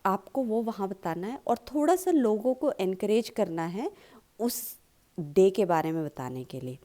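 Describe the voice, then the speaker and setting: Indian woman teaching, with a mellow voice. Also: mid-range voice, expressive. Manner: explains in Hindi, slowly stresses sample English lines. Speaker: public speaking teacher. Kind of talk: spoken tutorial lesson.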